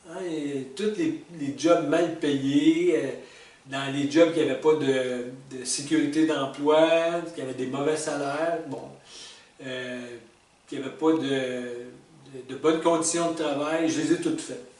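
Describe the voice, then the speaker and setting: A retired vlogger from Quebec, a man in his sixties with a Québécois French accent and a fairly high pitch, casually reflects on the stages of his life. He speaks haltingly, with fillers, restarts and small chuckles, sitting well back from the mic in an echoey room with faint hiss.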